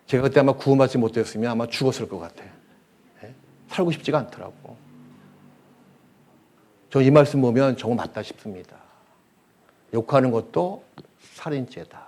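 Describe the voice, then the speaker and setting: A male pastor preaching a sermon in a church, telling anecdotes with humor and swinging between loud bursts and quiet asides. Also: medium pitch, lively intonation, moderate pace, pauses often, slight background noise. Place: church hall.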